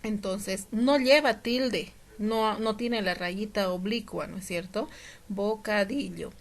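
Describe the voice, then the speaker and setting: A woman teacher explaining a lesson patiently, repeating examples slowly and often checking that her students follow. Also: medium pitch.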